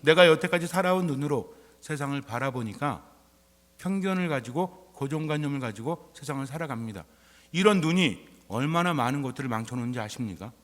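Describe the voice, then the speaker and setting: Priest preaching in a reverberant church. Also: male voice, mid-range voice, expressive, brisk. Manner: conversational preaching full of rhetorical questions. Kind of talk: sermon.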